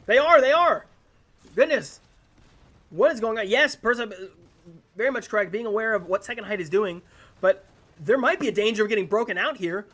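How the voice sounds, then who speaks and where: An excitable esports caster calls a tournament live, jumping into loud outbursts when big plays happen. The voice sits at a middle pitch and talks into a close streaming headset mic. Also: a little fast. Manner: excitable, frequent exclamations. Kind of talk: live esports play-by-play commentary.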